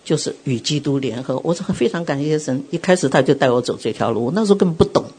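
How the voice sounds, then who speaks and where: Middle-aged woman preacher, bit husky, sermon full of stories, acts out the quotes. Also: deep voice, fast. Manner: animated storytelling, acts out quotes. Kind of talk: sermon with personal testimony.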